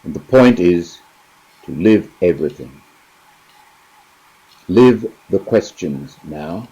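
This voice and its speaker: A middle-aged man, giving a reflective spiritual talk and reading a story, slow and measured, pausing between phrases. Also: low voice, expressive, mellow, husky, dull audio. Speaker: spirituality teacher.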